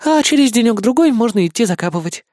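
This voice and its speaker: A man voicing a shrewd female fox healer who talks in a brisk, matter-of-fact way in a children's fantasy audiobook. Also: extremely high pitch, expressive, darkish tone, dry recording, clean studio sound, pitched above the performer's own voice.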